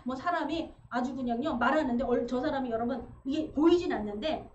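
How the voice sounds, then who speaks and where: High-voiced woman preaching animatedly. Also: a little fast. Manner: animated, acts out quoted voices with shouts. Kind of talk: sermon. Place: church sanctuary. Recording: roomy, slightly dull livestream with faint hiss.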